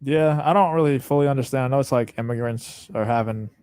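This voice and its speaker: A man's voice: medium pitch, fast talker, darkish tone, clean tone, no room sound, clean studio sound. A man co-hosting a casual podcast chat, easygoing and thinking aloud. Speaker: podcast co-host.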